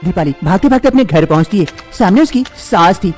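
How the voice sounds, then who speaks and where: Expressive storybook narrator, pitch swinging a lot, sing-song telling. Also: fast, soft background music.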